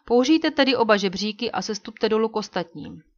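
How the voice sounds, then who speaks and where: A woman's voice: fairly high pitch, expressive, lo-fi sound, lightly acted. Woman reading a commanding frontier hero. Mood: firm. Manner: firm, giving orders.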